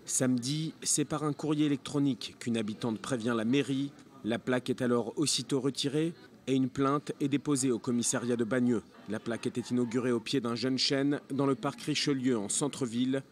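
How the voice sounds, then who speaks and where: A man's voice: mid-range voice, steady tone, a little fast, slight background noise. A man with a middle-register voice narrates a scripted news report. He speaks as a reporter delivering a prepared package.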